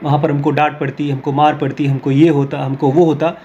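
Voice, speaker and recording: A man teaching a spirituality course, explaining ideas in Hindi mixed with English phrases. He reads English lines slowly, then explains them through everyday examples. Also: on the high side, flat delivery, mellow, lo-fi sound, slight background noise. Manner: explains with everyday examples and role-play scenarios.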